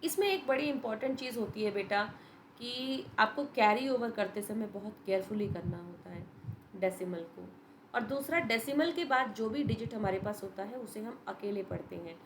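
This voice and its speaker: A woman's voice: mid-range voice, normal speed, a little hiss or hum, rough recording. A woman teacher giving a patient, step-by-step revision lesson to young students, mixing Hindi and English. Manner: patient, explains step by step, addresses students as beta.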